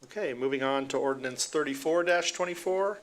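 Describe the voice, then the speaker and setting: A man's voice: mid-range voice, brisk. A man presiding over a city council meeting as council president, courteous and procedural.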